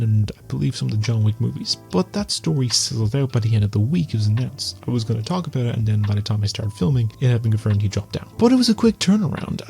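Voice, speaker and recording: A man's voice: mid-range voice, a little mellow. A man hosting an entertainment news show in a casual, informal, rambling way. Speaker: host of an entertainment news video series. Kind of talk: casual vlog-style film news commentary. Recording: music under the voice. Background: background music.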